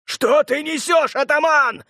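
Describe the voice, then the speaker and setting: A man voicing a brutal, furious male crime boss who snarls and shouts, in a storybook reading. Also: high voice, lively intonation, gravelly, slightly rough, no echo, clean studio sound, voice pushed up, exaggerated voice. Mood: enraged. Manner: snarling, shouting, drawn-out threats.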